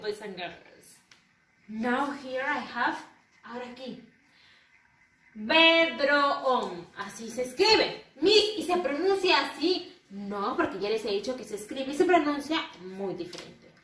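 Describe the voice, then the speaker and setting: A woman teaching English to young children in an online lesson, speaking slowly and having the class repeat each word after her. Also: a little high, lively intonation, pushed and bright. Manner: slow, repeating words for children to say back. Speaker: primary school English teacher. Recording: roomy, slightly distant, faint noise.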